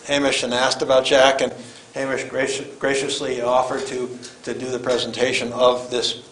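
An older man giving an informal introduction as event host, in a halting, rambling way. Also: medium pitch, monotone, a bit bright. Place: lecture room, standing away from camera. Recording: echoey room with background noise.

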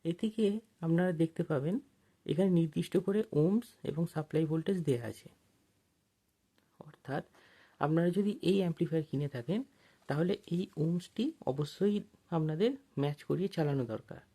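In a warm, medium-pitched voice, someone teaches an informal technical tutorial, moving step by step and pausing along the way.

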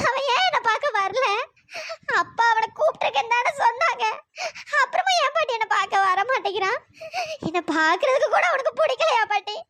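A lovesick young cartoon woman, as a voice actor plays her, with a very high, bright, pitch-raised voice. She pleads and asks again and again, yearning and insistent. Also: full character voice. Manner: pleading, repeatedly asking questions. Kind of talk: cartoon storytelling dialogue.

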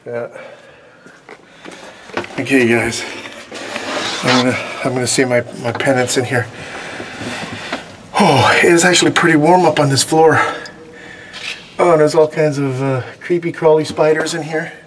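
A man's voice: fairly high pitch, a little slow, long pauses. A middle-aged man chatting casually and informally as host of a night exploration vlog, with a joking streak. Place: dark abandoned building and outdoors at night. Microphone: handheld camera at arm's length. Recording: noisy handheld camera audio on location.

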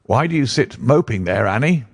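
A man's voice: mid-range voice, expressive, moderate pace, slightly rough, no echo, clean studio sound, pitched above the performer's own voice. A man voicing a plump, cheerful young man who speaks heartily and coaxingly.

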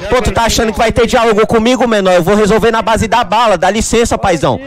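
A man with a high, rapid-fire voice hurls taunts in Rio during a gaming roleplay. He keeps repeating his insults in a heated trash-talk manner. Other players murmur in a crowded game voice chat behind him. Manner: aggressive, taunting, repetitive insults. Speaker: roleplay gang member. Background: crowd of other players talking.

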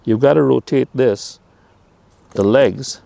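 An older man casually reviewing a camping chair outdoors by a lake on a lapel mic, talking in a relaxed, rambling way with lots of fillers. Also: mid-range voice, slow, gravelly, no room sound. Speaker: gear reviewer.

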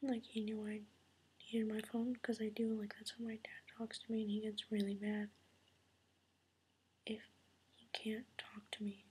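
Breathy whispering young woman, tired. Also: medium pitch, monotone, unhurried, long pauses. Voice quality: wears a retainer. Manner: hushed whisper, rambling with many fillers. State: tired and upset. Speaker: vlogger. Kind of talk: whispered late-night vlog confession. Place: at home at night, indoors.

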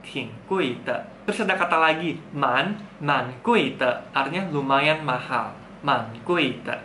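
A man teaching a grammar lesson, saying model words slowly and repeating them for learners. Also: on the high side, sharp tone, reverberant, a little hiss or hum. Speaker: Mandarin teacher.

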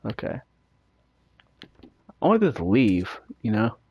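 Nervous horror gamer with swooping pitch. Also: very animated, slow pace, vocal fry, darkish tone, breathy edge, no echo. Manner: nervous, scared horror game streamer, giggly and profane. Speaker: video game player. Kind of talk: casual horror game commentary.

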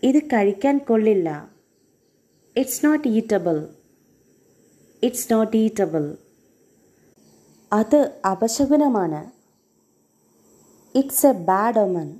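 Malayali woman English teacher, slow deliberate drills, somewhat high mellow voice. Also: animated. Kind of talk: slow English drills, each phrase said twice.

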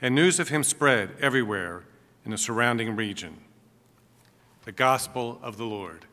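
A man reading the Gospel aloud at a Mass in a large church, with a measured, proclaiming delivery and a cathedral echo. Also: medium pitch, lively intonation, pushed and bright. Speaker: Gospel reader at a school Mass. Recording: long church reverb.

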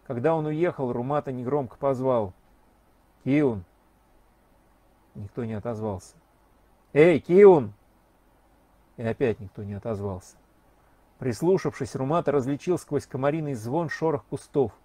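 A man reading a novel aloud as an audiobook narrator, measured and expressive. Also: medium pitch, no room sound. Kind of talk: scripted narration.

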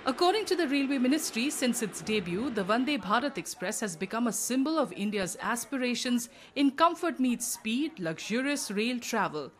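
A woman's voice: a little high, normal speed, hardly any pauses, a little hiss or hum. Woman reading a formal news voice-over. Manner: even, formal read. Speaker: news narrator. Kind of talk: scripted voice-over narration.

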